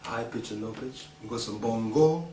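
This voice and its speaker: A man's voice: medium pitch, moderate pace, mellow, a little hiss or hum. A man, a percussionist, eagerly explaining his instruments and repeating himself in a studio session. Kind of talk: casual studio chat. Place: recording studio room. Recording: echoey room, mic at a distance.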